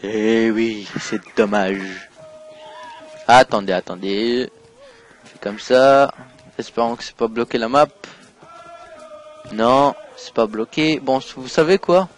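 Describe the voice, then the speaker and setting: A man giving let's play commentary while playing a game, excitable, swinging from mumbled asides to loud outbursts. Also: mid-range voice, slow pace, pauses often, soft background music. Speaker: gaming YouTuber.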